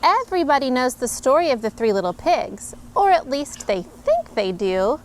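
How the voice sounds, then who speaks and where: A woman, a mother, reading a picture book aloud to her children in an animated, expressive way with playful emphasis. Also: sits high, normal speed, a little hiss or hum. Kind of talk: storybook read-aloud.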